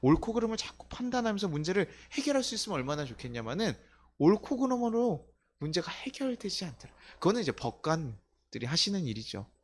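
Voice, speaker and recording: Middle-aged man, pastor, lively sermon delivery with a wide pitch range; chatty, full of rhetorical questions, acts out quoted voices. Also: a little fast, slightly rough. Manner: conversational preaching with rhetorical questions. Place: church sanctuary.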